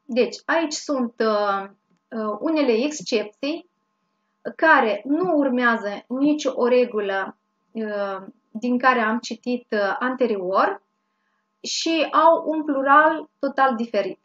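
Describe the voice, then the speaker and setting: A woman from Romania teaching English grammar, explaining each rule slowly and repeating it with small hesitations. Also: a little high, lively intonation, fairly bright tone. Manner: slow, explains each rule twice with fillers. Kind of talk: bilingual grammar lesson. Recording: dull lo-fi sound.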